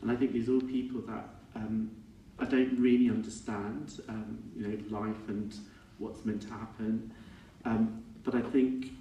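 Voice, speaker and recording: A middle-aged man giving an informal funeral speech as a son, halting and reflective, often correcting himself as he goes. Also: fairly low pitch, flat delivery, mellow. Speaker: son giving a eulogy for his father. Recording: echoey room, distant mic, faint noise.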